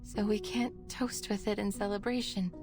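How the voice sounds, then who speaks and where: A woman voicing a composed, protective adult scholar in game dialogue, with a measured, explanatory delivery. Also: medium pitch, fairly even intonation, natural voice. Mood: wistful. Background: game music.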